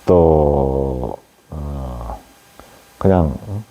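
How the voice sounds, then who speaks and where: A male Buddhist monk giving a plain, unhurried dharma talk on meditation to lay listeners, with many fillers and tag questions. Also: rumbling low, expressive, highs cut off.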